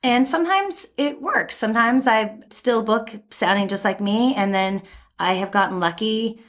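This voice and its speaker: A middle-aged woman and voice actor chatting casually, with a sweet, smooth voice and crisp enunciation. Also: on the high side, moderate pace, fairly bright tone. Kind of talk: casual chat.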